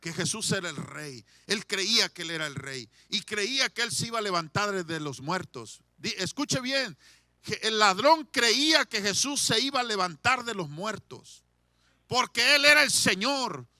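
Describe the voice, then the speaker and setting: A male pastor preaching a sermon, swinging from shouted declarations to hushed pleading and leading the congregation in call-and-response. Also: sits high, lively intonation, moderate pace, no echo, studio quality.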